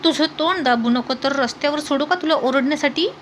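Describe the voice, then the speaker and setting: A woman's voice: high-pitched, a little hiss or hum, voice pushed up, natural voice. Woman voicing a weary, exasperated young husband. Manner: pleading, weary, explaining slowly. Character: exasperated young husband coaxing his wife. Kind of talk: storybook narration.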